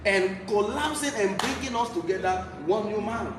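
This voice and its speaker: With a Nigerian accent and a high-pitched voice at normal speed, a man delivers an emphatic Bible teaching sermon full of repeated key phrases. The setting is echoey, with clear background noise.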